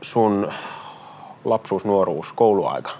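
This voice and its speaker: A man's voice: lowish voice, animated, mellow, slight background noise. A male host asking short questions and giving brief backchannel in a casual interview. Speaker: show host.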